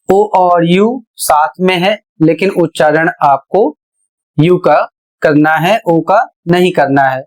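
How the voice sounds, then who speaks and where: A man teaching a spelling and pronunciation lesson, spelling words out letter by letter in a slow, deliberate way. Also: high voice. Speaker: English teacher.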